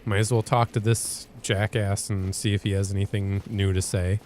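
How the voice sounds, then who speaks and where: A man's voice: fairly low pitch, level tone, normal speed, a little mellow, a little hiss or hum. A man hosting a let's play, giving casual gameplay commentary in a rambling, hesitant way with frequent restarts.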